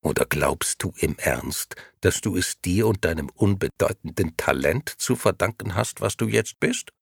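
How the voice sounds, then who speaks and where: A man reading an audiobook, voicing a menacing unseen male voice that speaks as "we", slow, taunting and condescending. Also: low-pitched, expressive, gravelly, breathy edge, no room sound, studio quality, exaggerated voice.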